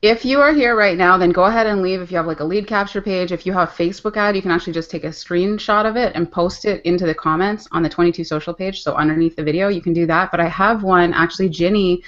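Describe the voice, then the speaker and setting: A woman co-hosts a live online show, explaining things in an upbeat, chatty way. Her voice sits fairly low. The sound is dull and lo-fi. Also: fast, few pauses, fairly bright tone. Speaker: co-host. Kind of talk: casual live webinar chat. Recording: dull lo-fi audio.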